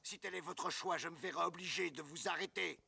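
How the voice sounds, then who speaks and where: An actor playing an officious, greedy tax clerk with a pompous manner in a French film dub, on a noisy soundtrack. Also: male voice, on the high side, steady tone, a little fast, creaky. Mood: haughty, demanding. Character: officious, greedy male tax clerk throwing his authority around. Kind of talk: French-dubbed martial arts film dialogue.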